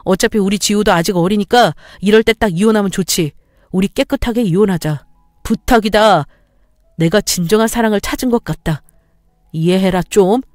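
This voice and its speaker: A woman voicing a cheating, resentful husband who shouts and sneers, in a story-radio reading. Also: medium pitch, moderate pace, no room sound, clean studio sound, soft background music, lightly acted. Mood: sneering.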